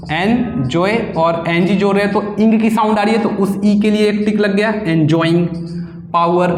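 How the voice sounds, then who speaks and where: A man with a high voice teaches shorthand to students. He explains each step patiently, repeats key words and asks them questions. His voice rings out in a room with a long, echoing reverb.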